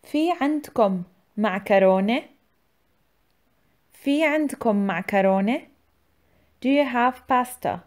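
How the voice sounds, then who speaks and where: A woman's voice: a little high, lively intonation, brisk, long pauses. A woman hosting a scripted language lesson, enunciating words and phrases in an instructional way. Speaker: language teacher, channel host.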